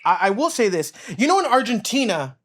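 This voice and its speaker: Male podcast host from Florida, animated swooping delivery, profane and emphatic, circles back and repeats his points. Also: high-pitched, fairly quick. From Miami, United States. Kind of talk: casual podcast rant.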